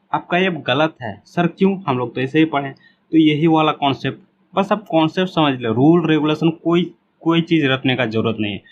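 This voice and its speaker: Patient male teacher explaining grammar slowly. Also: mid-range voice, highs cut off, a little hiss or hum. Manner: patient, repeats words slowly, asks and answers his own questions. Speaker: English teacher. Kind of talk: classroom lesson explaining grammar.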